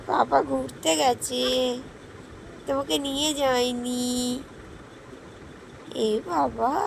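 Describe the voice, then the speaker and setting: A hoarse woman with a cough, a mother talking baby talk to her little son, gently teasing and scolding him with repeated questions. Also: sits high, slight background noise. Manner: slow, sing-song questions to a baby.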